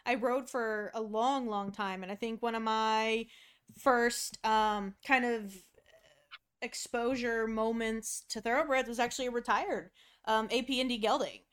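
A woman's voice: a little high, fairly even intonation, a little slow, clear, resonant tone. A woman co-hosting a podcast, chatting casually with lots of fillers. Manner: filler-heavy, laughs often. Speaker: podcast co-host.

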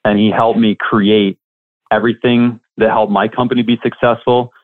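A man's voice: fairly low pitch, level tone, normal speed. A man who coaches staffing businesses, telling a candid, reflective story in an interview. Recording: tinny phone-like line.

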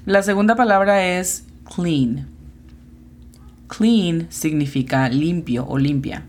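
A woman who hosts a podcast where she teaches English, giving slow and careful explanations and spelling out pronunciations. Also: lowish voice, darkish tone, a little hiss or hum. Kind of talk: podcast language lesson.

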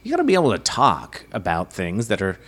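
A man hosting a casual podcast, chatting and reviewing a beer in a rambling, animated way. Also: lowish voice, a little fast. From United States. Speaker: podcast host.

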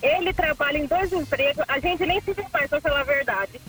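A woman with a Brazilian Portuguese accent, calling in to a radio contest over the phone while driving, chatty and quick to laugh. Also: high-pitched, fairly bright tone, faint music behind, poor audio. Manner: chatty, laughs easily, down-to-earth. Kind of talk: casual phone chat.

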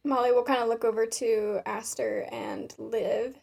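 A woman's voice: a little high, steady tone, a little slow, creaky, darkish tone, husky. A woman playing a tabletop game, chatting casually, hesitant and giggly, with slight noise on her recording. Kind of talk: casual chat during a role-playing game.

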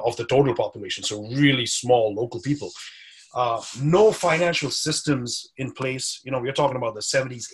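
A man talking casually as a podcast guest, an animated storyteller who laughs often. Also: mid-range voice, breathy edge. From Dubai. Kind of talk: casual interview chat.

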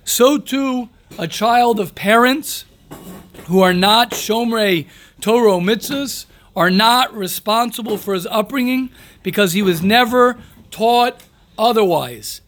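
A man's voice: high-pitched, slow pace, fairly bright tone. A man teaching an informal religious class, reading aloud and commenting emphatically, repeating phrases and asking rhetorical questions. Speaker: rabbi teaching a daily class.

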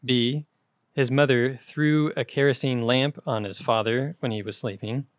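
A man with a mid-range voice hosts a trivia segment, laying out questions and facts in a measured, explanatory way. The delivery is relaxed and conversational. The recording is dry and close. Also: medium pitch, no echo. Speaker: quiz host. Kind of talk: casual chat, reading quiz questions.

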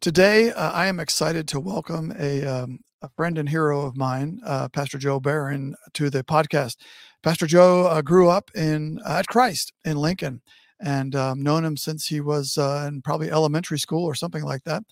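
A man's voice: on the high side, fairly even intonation, normal speed, vocal fry, no room sound, studio quality. A man hosting a podcast as a pastor, chatting casually with lots of filler sounds. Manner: friendly, many filler sounds.

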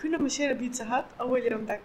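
Very fast-talking Sudanese woman, fairly high voice. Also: a crowd in the background. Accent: Sudanese Arabic. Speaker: employee and conversation partner. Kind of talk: casual conversation.

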